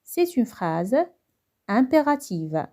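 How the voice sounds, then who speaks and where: A woman with a Moroccan accent teaching a French grammar lesson, going over each point slowly in French and then quickly again in Moroccan Arabic. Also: on the high side, very animated, mellow. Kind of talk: grammar lesson explaining exercises.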